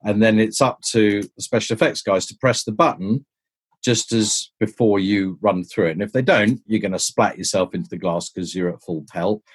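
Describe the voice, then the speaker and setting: Husky man telling stunt stories. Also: moderate pace. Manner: animated, jumps pitch to act out quoted people. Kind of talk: casual anecdotal storytelling.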